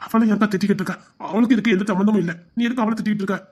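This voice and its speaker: A meek middle-aged husband, as a woman puts him on, pleading and hesitant in a Tirunelveli accent. The voice sits far lower than the performer's own and moves at a quick pace. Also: steady tone, a little mellow, slightly rough, lightly acted. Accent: Tirunelveli Tamil. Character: meek reluctant middle-aged husband, caught between wife and family.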